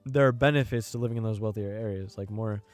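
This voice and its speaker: A man's voice: on the low side, fast, a little mellow. A young American man talks on his podcast in a loose, rambling way. He often stops to search for words and keeps asking if you follow him. Faint music plays underneath his voice. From United States. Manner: rambling, hesitant, full of "you know what I mean". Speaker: podcast host. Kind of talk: casual opinion monologue.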